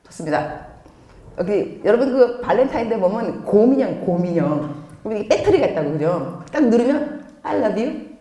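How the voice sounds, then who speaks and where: A middle-aged woman pastor giving a lively sermon, telling stories with acted-out dialogue. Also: medium pitch, normal speed. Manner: animated storytelling with acted quotes and laughter. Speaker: pastor and missionary. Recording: echoey hall.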